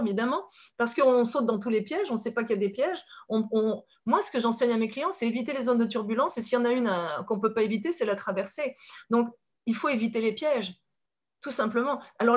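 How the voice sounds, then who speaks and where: A woman with a French accent talks as a life coach, lively and expressive, often laughing between her points. Her voice sits a little high. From France. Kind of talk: conversational talk with metaphors.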